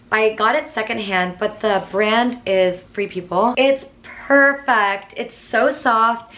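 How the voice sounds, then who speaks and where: Chatty woman vlogging, full of fillers. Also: mid-range voice. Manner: chatty, filler-heavy, earnest. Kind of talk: casual monthly favorites chat.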